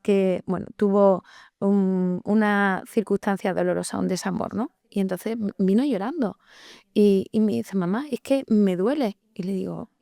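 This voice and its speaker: A woman co-hosting a podcast, talking in an earnest, measured way and explaining with everyday examples. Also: mid-range voice, fairly even intonation, gravelly, mellow, dry recording, clean studio sound. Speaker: podcast co-host. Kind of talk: reflective podcast conversation.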